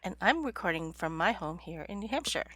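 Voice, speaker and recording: A woman's voice: fairly low pitch, expressive, a little fast, fairly bright tone, husky, no echo. Stuffy-nosed middle-aged woman co-host. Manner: easygoing, giggly. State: stuffy nose. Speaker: podcast co-host. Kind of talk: casual chat. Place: home.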